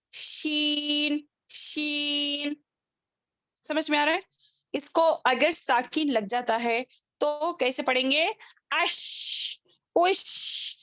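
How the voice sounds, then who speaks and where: A woman teaching an online recitation class, her voice a little high and heard close and dry over a video call. She repeats each letter sound slowly for her students and often stops to ask if they have understood. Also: a bit bright, dry recording. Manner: checks understanding with frequent questions. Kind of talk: online tajweed lesson.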